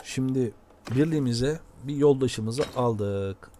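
A man giving casual, excitable commentary while playing a video game, often shouting at it. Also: mid-range voice, slow pace, a little hiss or hum. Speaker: gameplay commentator.

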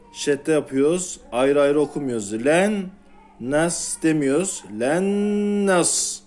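A man's voice: fairly high pitch, a little mellow, a little hiss or hum. A man with a Turkish accent teaching Quran reading, sounding out and stretching syllables one by one for beginners. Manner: slow, drawn-out syllables repeated for learners. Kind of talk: syllable-by-syllable recitation lesson.

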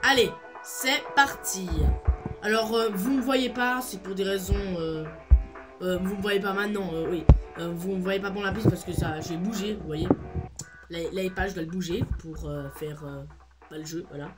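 Hosting a gameplay video, a teenage boy chats playfully and rambles, hesitating often. His voice is high-pitched, at a normal pace, with game music in the background.

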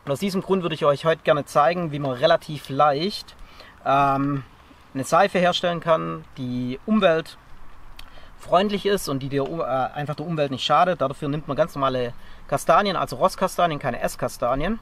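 A man's voice: on the high side, moderate pace. Man explaining a craft in a forest camp. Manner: relaxed and chatty, explains step by step while working. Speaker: bushcraft instructor. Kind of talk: casual outdoor how-to demonstration. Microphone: camera a few meters off. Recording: distant outdoor camera audio.

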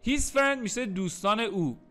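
Guy teaching english, high bright voice, slow repeats then quick explaining, faint music behind. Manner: addresses learners as kids, repeats English phrases slowly then explains; joking asides in a lively teaching voice. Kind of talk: recorded language lesson.

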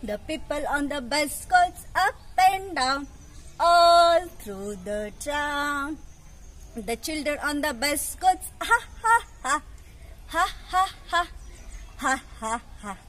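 A woman's voice: sits high, animated, fairly bright tone. A young woman with an Indian English accent, a pre-primary teacher singing a nursery rhyme with actions in an outdoor school garden, recorded by a camera a few metres away. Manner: slow, sing-song, with big hand gestures.

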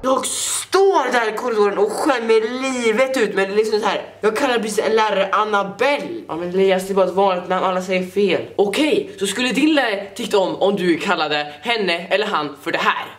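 A teenage boy vlogging, telling stories to the camera in an animated, joking way and apologizing often. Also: sits high, few pauses, echoey room, slight background noise. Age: teens. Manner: animated, jokey, keeps apologizing. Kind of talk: casual storytelling to camera.

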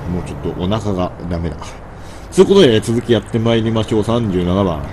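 A man's voice: fairly low pitch, lively intonation, quick pace, background noise. A man with a stuffy nose, doing gameplay commentary, grumbling to himself and mock-scolding characters in the game. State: stuffy nose from hay fever.

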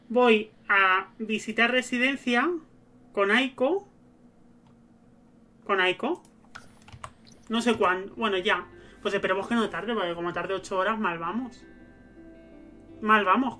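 A woman streamer talks casually through a game. She narrates every move she makes aloud. Her voice sits at a middle pitch and sounds bright and forward. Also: a little hiss or hum. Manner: chatty, narrates her own moves aloud. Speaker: gaming streamer. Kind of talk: casual gameplay commentary.

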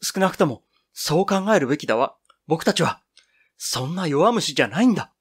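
A man's voice: medium pitch, expressive, normal speed, fairly bright tone, husky. A man reading the part of an eager, boyish young woman in a storybook reading. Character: eager young woman nicknamed Yuki-bouya.

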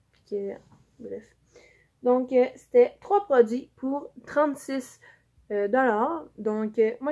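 A woman's voice: fairly high pitch, dark tone. Chatty young Quebec French woman, lo-fi. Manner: chatty, many fillers, showing products to camera. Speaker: vlogger. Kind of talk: casual haul video. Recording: dull lo-fi audio with faint noise.

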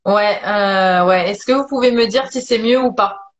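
A woman's voice: medium pitch, unhurried. A woman hosting a casual live-stream interview on her phone, chatty and checking in with viewers. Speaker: host.

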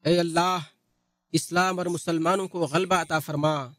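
A man reading a translated Friday sermon in a solemn, measured recitation. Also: a little high, steady tone, fairly bright tone, no echo.

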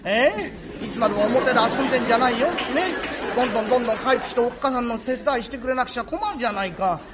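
A man's voice: very high-pitched, racing, a crowd in the background, noisy background. A man voicing a hardworking mother who nags her son, in old speech. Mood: nagging. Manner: nagging, exasperated. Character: scolding mother, hardworking, fussy. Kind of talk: rakugo storytelling.

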